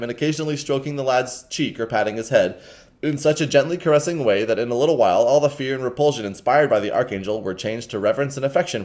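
Male podcast host, casual storybook read-aloud with asides, mid pitch. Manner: relaxed, chuckling narration.

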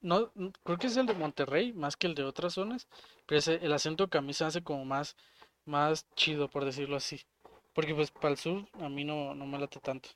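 Co-host: Jalisco-accented man, relaxed, explanatory chat, a bit higher pitched. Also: moderate pace, a little hiss or hum. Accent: Mexican, Jalisco. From Jalisco, Mexico. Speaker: podcast co-host. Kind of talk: casual chat.

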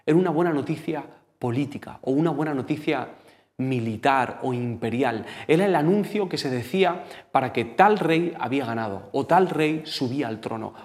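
A man's voice: mid-range voice, a little mellow. A man with a Spain Spanish accent preaching a sermon in a conversational, storytelling way, speaking directly to the congregation.

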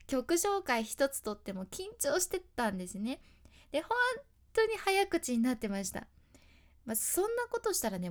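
A woman who works as an announcer, giving a chatty, step-by-step lesson on speaking and acting out example phrases. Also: on the high side. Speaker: announcer teaching speaking skills. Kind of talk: casual instructional talk.

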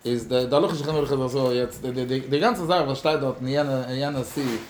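A man giving a Torah lecture as a religious teacher, halting and repetitive, mixing in English words. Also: medium pitch, darkish tone, a little hiss or hum. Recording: echoey room.

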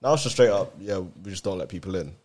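A man's voice: deep voice, lively intonation, quick pace, a little mellow. A young man with a London roadman accent, chatting casually and telling stories in slangy, sweary street talk. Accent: London roadman, multicultural London street. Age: young adult. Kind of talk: casual chat, storytelling with friends.

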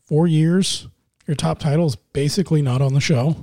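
Male podcast co-host, mellow and slightly high, casual opinionated chat. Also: moderate pace, no echo, clean studio sound. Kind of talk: casual wrestling commentary chat.

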